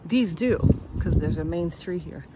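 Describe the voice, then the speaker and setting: Filming on a phone camera mounted on a selfie stick, a young female travel vlogger narrates a walking tour through town streets and up stairs in a fairly low, unhurried voice. Her tone is upbeat, chatty and playful, while loud street and wind noise fills the outdoor recording.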